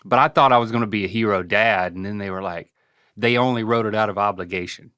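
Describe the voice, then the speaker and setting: A man's voice: lowish voice, fast talker, bright, forceful tone, smooth, no room sound, clean studio sound. A middle-aged man from North Carolina telling casual stories as a podcast co-host, with a wry, self-deprecating manner. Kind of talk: casual storytelling.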